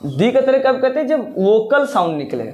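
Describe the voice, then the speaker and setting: A man's voice: very high-pitched, big pitch swings, moderate pace, darkish tone. A male teacher giving a grammar lesson, explaining step by step with repeated words and rhetorical questions.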